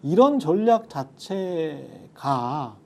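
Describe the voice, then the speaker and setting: A man's voice: a little high, very animated, extremely slow, creaky, warm tone. A man on a political talk show, giving his views emphatically and drifting into blunt casual speech.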